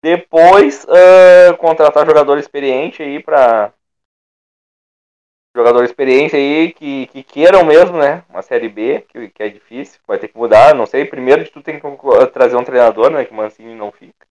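A man giving his opinions in a casual football debate, halting and restarting often. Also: mid-range voice, a little mellow. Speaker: football pundit.

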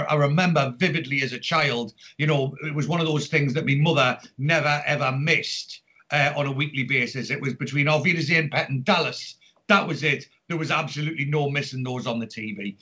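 This podcast host is a middle-aged man from Newcastle, north-east England, with a Geordie accent, and his voice runs high, pushed and bright. He's upbeat, handling chatty introductions and announcements over a remote Skype call from his home in lockdown, and the internet audio sounds dull and lo-fi.

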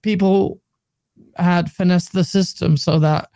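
A man's voice: high-pitched, fairly even intonation, takes it slowly, warm tone, no room sound. A man as a podcast guest, laughing often and stumbling over his words in casual chat. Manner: laughs often, stammers and restarts.

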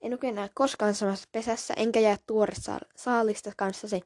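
A woman's voice: medium pitch, steady tone, darkish tone, no room sound, clean studio sound, close to an everyday voice. A woman voicing an angry tomcat who protects the kits in a storybook reading, speaking sharply and accusingly. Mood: indignant. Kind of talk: audiobook reading.

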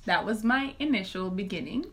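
A young woman from Zambia, a podcast guest in casual conversation, telling her life story in an animated way with frequent laughs. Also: medium pitch. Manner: animated storyteller, laughs often, quick asides.

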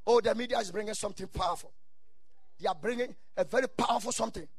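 A man's voice: high voice, fast talker, husky, no room sound, studio quality. A man with a Ghanaian accent preaching a sermon in exhorting, repeated short phrases, mixing English with Ghanaian Pidgin and Twi.

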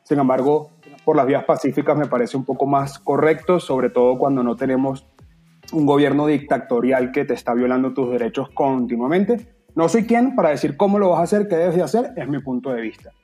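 A husky-voiced young Venezuelan man with a Venezuelan accent chats on a podcast. He talks at length, earnest and open, with a faint bed of music under him. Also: medium pitch, brisk, dark tone. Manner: talkative, earnest, slips into playful voices. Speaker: podcast guest. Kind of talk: casual podcast chat.

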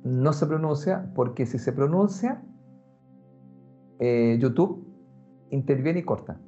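A man, talking in a casual, animated way and speaking straight to the listener. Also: medium pitch, takes it slowly. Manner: animated, conversational, addresses the listener directly. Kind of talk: casual explanatory talk. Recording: muffled lo-fi sound with faint music.

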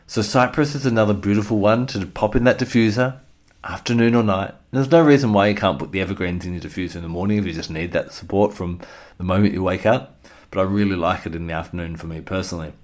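Male educator, deep-pitched, for an informal explanatory talk with a reflective, direct address. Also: fast. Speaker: essential oils educator.

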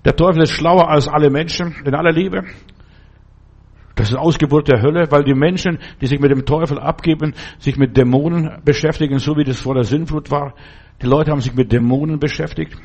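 A man's voice: on the high side, steady tone, brisk, a little mellow, husky, dull audio. Older German man preaching earnestly. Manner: earnest, repetitive exhortations with frequent restarts. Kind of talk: sermon.

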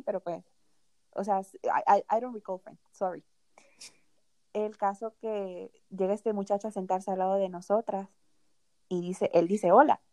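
A young woman hosting a podcast, casually telling a personal story in an animated way, often laughing along. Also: mid-range voice, no room sound. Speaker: podcast host.

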